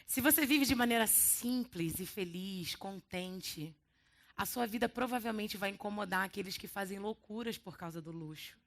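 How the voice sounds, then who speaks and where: A woman with a Brazilian Portuguese accent preaching a sermon in a church, telling stories in a lively way with playful quoted voices. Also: mid-range voice, normal speed, creaky. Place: church hall.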